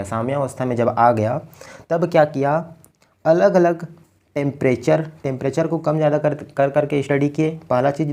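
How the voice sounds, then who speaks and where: A man from India giving a patient physics lecture, explaining each step slowly and often checking in with his students. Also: mid-range voice, dark tone. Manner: keeps checking in with "ठीक है". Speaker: physics teacher. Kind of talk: blackboard lecture.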